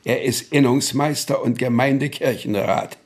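An actor playing a cautious, unyielding Prussian state official in a radio play, measured and authoritative. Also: male voice, mid-range voice, lightly acted. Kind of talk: radio drama acting.

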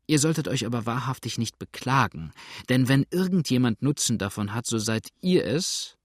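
A male reader voicing a calm, brusque trader in a lowered, gruff voice. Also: normal speed, no room sound, clean studio sound, close to an everyday voice. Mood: dismissive.

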